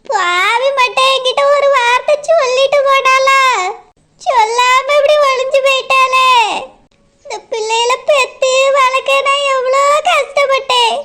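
A woman's voice: extremely high pitch, steady tone, measured pace, bright, forceful tone, a little hiss or hum, full character voice. A woman with a Kanyakumari Tamil accent voicing an older village mother who wails in a sing-song lament. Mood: wailing lament. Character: older village mother wailing over a runaway daughter. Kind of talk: village comedy-drama acting.

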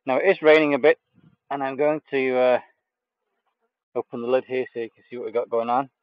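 A man's voice: medium pitch, fairly quick, dry recording, muffled recording. A man hosting a live beekeeping stream, talking casually with many fillers as he inspects a hive outdoors. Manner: relaxed, hesitant with many fillers. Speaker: beekeeper host. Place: outdoor bee yard. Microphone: camera mic, speaker off frame.

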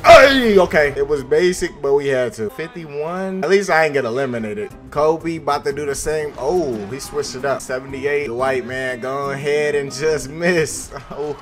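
A young man, giving playful, trash-talking commentary over a basketball video game and breaking into sudden loud outbursts. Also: a little high, moderate pace, hardly any pauses. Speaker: gaming YouTuber. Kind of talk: excited gameplay commentary. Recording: faint game music behind.

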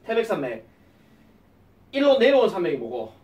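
A male English teacher, giving an exam-prep lecture and quizzing his students with quick questions. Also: high voice, wildly swooping pitch, darkish tone, reverberant, recorded from a distance.

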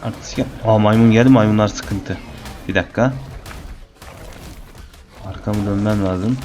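A young man casually narrating his own gameplay, chatty and teasing the creatures on screen, getting excited during fights. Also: on the low side. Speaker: gaming channel host. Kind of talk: casual let's-play commentary.

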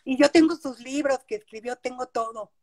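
Older Mexican woman with a high voice reminiscing. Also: fairly quick. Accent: Mexican Spanish. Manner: warm nostalgic storytelling with frequent affirmations. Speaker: interview guest, actress. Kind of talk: casual reminiscing. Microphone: video call.

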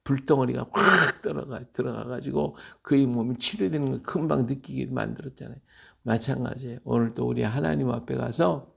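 A man with a deeply gravelly, creaky voice preaches at a middle pitch. He talks to listeners in a plain conversational way, leaning on repeated phrases to press his point with heartfelt emphasis. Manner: earnest, repetitive, emotional emphasis. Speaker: Bible teacher. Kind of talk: conversational sermon on a Bible reading.

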